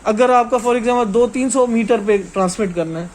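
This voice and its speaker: A man with a very high-pitched, slightly mellow voice works as a technical trainer, covering material informally and hands-on at a moderate pace. He goes step by step and keeps checking that listeners follow, with some background noise in the recording.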